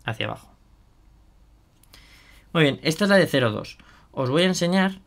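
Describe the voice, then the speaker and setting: A man's voice: a little high, expressive, moderate pace, vocal fry, fairly bright tone. A man chatting casually through a hands-on product demo, thinking aloud with fillers and asides to viewers. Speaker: miniature painting youtuber.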